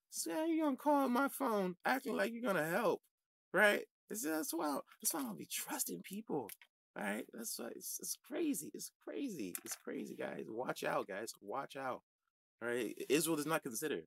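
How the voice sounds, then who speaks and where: A man hosting a religious online show, ranting to his viewers in a combative way that swings from shouting to muttering. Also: fairly high pitch, big pitch swings, moderate pace, gravelly. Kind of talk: heated livestream rant to viewers.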